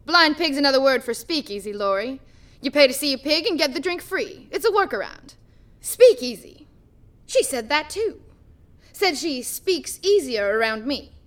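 A woman's voice: high voice, animated, moderate pace, a bit bright. An actress playing a dry, hard-boiled female detective in a radio play. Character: wisecracking woman detective, cool.

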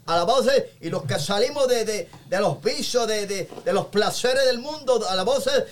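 A man's voice: high-pitched, animated, normal speed. A man, an evangelist guest, giving a fervent testimony in a podcast interview and constantly breaking in with short praise phrases.

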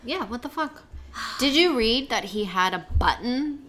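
A woman hosting a podcast in casual chat, chatty and giggly, sometimes talking in quick bursts. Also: fairly high pitch, lively intonation, heavy background noise. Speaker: podcast host.

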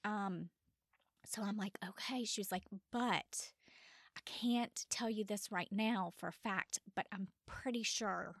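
A woman's voice: mid-range voice, takes it slowly, no room sound, studio quality. A woman, a podcast guest telling her story casually and acting out quoted dialogue. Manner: chatty, quotes others in lively retold dialogue.

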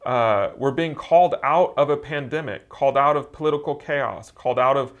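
A man who is a church elder, preaching in a relaxed, conversational way and telling a story with frequent "uh"s. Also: mid-range voice, normal speed, dull audio.

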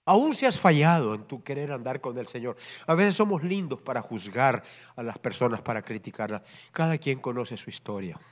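A pastor preaching a sermon to his congregation in church, animated and often asking them to agree. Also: medium pitch, moderate pace. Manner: animated preaching, constantly asks the congregation "¿verdad?". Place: church service before a congregation.

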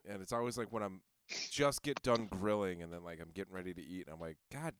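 A man's voice: deep voice, fairly even intonation, fast, slight background noise. A man casually co-hosting a podcast, rambling and teasing with plenty of swearing. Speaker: podcast co-host. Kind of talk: casual chat.

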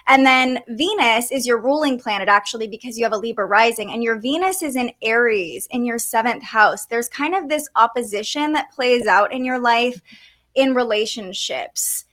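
A woman with a slightly high voice walks a guest through her birth chart. She talks gently and explains as she goes, with soft fillers and light laughs. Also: normal speed. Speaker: podcast host reading an astrology chart. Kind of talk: conversational astrology reading.

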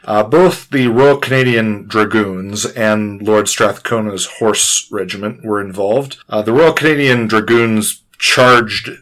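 A man talking through history in a casual but informative way, measured and precise, with careful qualifications. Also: on the low side, fairly bright tone, low-quality recording. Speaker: history discussion speaker.

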